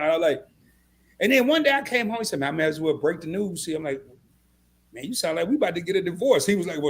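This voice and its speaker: A man in his forties from Southeast Arkansas, hosting a live stream interview with animated, chatty storytelling. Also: high-pitched, husky. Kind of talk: casual interview chat.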